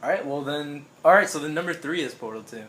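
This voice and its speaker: A man's voice: on the high side, expressive, quick pace, fairly bright tone, rough recording. Laid-back young man, brief replies. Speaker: co-host. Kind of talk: casual gaming chat.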